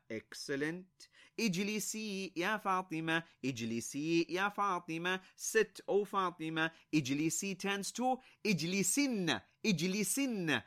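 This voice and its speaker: A man teaching Arabic grammar in English, slowly repeating each phrase several times and praising the class often. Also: on the high side, a bit bright. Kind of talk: slow drilling grammar lesson.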